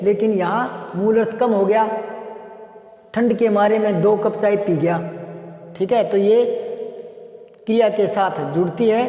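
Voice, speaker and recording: A man's voice: high-pitched, mellow. A man teaching a grammar lesson, explaining by repeating example sentences. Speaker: Hindi teacher. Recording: echoey room with long reverb.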